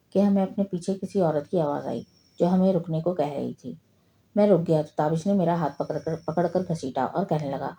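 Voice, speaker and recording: Female storyteller, low and very mellow tone, even reading of a spooky tale. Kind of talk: scripted horror story narration.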